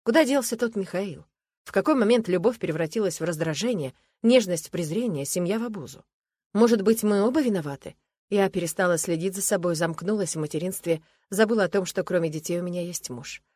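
A woman's voice: on the low side, brisk, darkish tone, husky, no echo, clean studio sound. A woman reading a first-person story aloud, in an earnest, reflective and emotional way.

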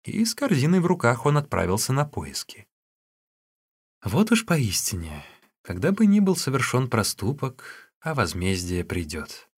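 A man's voice: mid-range voice, a little slow, husky. A man narrating a classic tale as an audiobook, telling it expressively. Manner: expressive storytelling.

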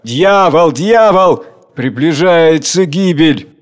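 A man voicing a despairing crowd with drawn-out, wailing pleas. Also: fairly high pitch, expressive.

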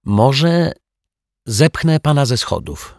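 A man's voice: medium pitch, big pitch swings, slow pace, gravelly, darkish tone, dry recording, clean studio sound, pitched above the performer's own voice, exaggerated voice. A man voicing a curious, cheeky young girl in a children's audiobook, making blunt offers.

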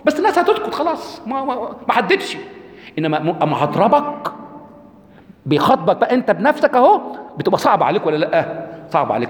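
A man with an Egyptian accent giving a religious lesson to an audience, asking them questions and reciting verses slowly and deliberately. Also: sits high. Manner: lively, asks the audience questions, quotes scripture slowly. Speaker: lecturer. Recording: echoey hall.

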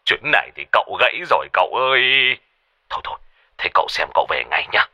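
Storybook figure: a man doing an alarmed old man, deep and bright, blurting warnings. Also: sing-song, fast, slightly rough, dry recording, clean studio sound, full character voice. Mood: alarmed urgent. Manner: urgent, exclaiming. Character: fussy old male villager on the phone.

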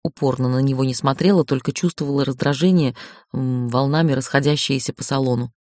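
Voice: medium pitch, fairly even intonation, a little fast, darkish tone, dry recording, studio quality. An audiobook narrator reading a first-person novel in a wry, emotional inner-monologue manner.

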